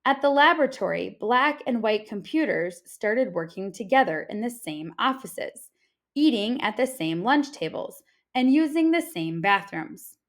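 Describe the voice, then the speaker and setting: A woman reads an informational picture book aloud the way a teacher would, with deliberate, expressive phrasing for children. Her voice is a little high.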